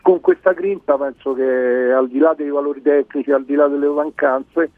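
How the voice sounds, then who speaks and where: A man calling in to a sports radio show, speaking casually and haltingly as he searches for words. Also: on the high side, steady tone. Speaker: phone-in caller. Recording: dry narrow phone line, music behind.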